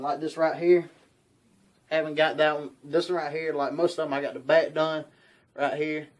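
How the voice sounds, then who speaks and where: A man's voice: on the high side, a little mellow. Young man, rambling vlog chat. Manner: rambling, folksy, repeats himself. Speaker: outdoors channel host. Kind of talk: casual vlog talk to camera. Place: small bedroom indoors.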